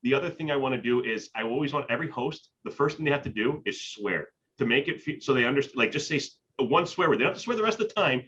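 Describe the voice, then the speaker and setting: A man's voice: mid-range voice, lively intonation, fast talker, hardly any pauses, a bit bright. Rambling man on a dull video call. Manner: rambling, talks with his hands, laughs often. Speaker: business owner. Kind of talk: casual video-call chat.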